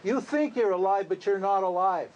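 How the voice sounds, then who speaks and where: A man with a fairly high voice teaches a group in a loose, conversational way. He asks rhetorical questions and now and then laughs at his own lines. A faint hiss of noise sits under his voice. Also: normal speed, a little mellow, muffled recording. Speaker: spiritual teacher. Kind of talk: informal spiritual talk to a group.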